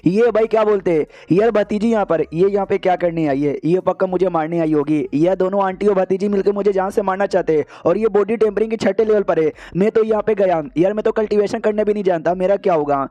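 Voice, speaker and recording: A man's voice: high voice, quick pace, few pauses, dark tone, no room sound. A man narrating an anime recap in a casual, slangy, chatty way.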